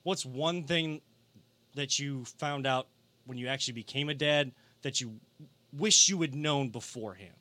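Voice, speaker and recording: Bright-voiced man hosting sports talk. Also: mid-range voice, unhurried. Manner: energetic, repeats himself. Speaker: podcast host.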